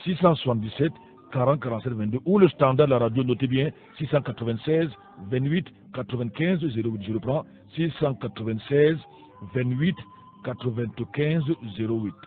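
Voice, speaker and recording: Pastor hosting a call-in radio show. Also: male voice, mid-range voice, normal speed, faint music behind. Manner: repeats phone numbers, warm, rambling asides. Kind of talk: radio show chat, greeting listeners. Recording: tinny lo-fi radio broadcast.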